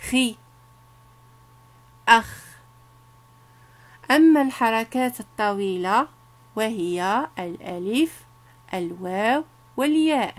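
Woman teacher with a Moroccan accent, slightly high voice, very slow drawn-out syllables, patient reading lesson for children.

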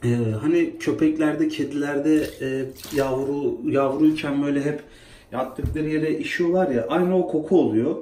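A man's voice: fairly high pitch, moderate pace, mellow, slight background noise. A man talking casually to his phone camera in a bathroom, coaxing and scolding his pets while he bathes them. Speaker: pet vlogger. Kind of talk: casual pet video chat. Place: bathroom at home, by a tub. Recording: echoey bathroom with running water. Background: water splashing in a tub.

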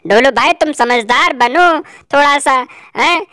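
A woman's voice: high-pitched, takes it slowly, sharp tone, no room sound, clean studio sound, heavily acted. Sensible big sister, firm and lecturing, voiced by a woman. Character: sensible older sister, scolding and wise.

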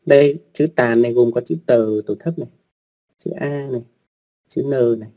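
A man's voice: mid-range voice, fairly even intonation, normal speed, warm tone. A man teaching an online lesson on writing rules, speaking patiently with polite particles, frequent fillers and repeated words.

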